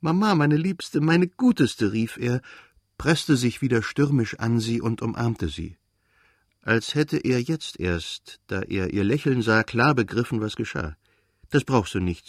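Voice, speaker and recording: A man narrating a literary novel as an audiobook reader, in a measured, calm reading. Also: medium pitch, vocal fry, no room sound, studio quality.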